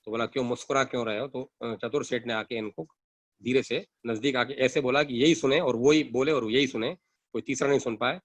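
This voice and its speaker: A male storyteller tells a devotional tale at an easy, unhurried pace, pausing and restarting as he goes. His voice sits at a medium pitch. The recording is dry and close, with no room sound. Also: no echo.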